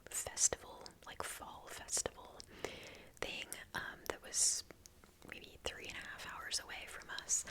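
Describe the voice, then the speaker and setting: A woman in her twenties whispering a casual ASMR storytime in a quiet, hushed bedtime voice, chatty and informal. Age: 20s.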